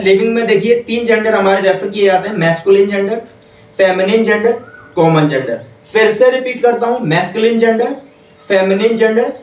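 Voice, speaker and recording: A man teaching English grammar in a classroom, repeating each point slowly and quizzing the listeners. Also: sits high, darkish tone. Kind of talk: classroom lesson. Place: classroom with whiteboard. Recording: echoey room, voice from far off.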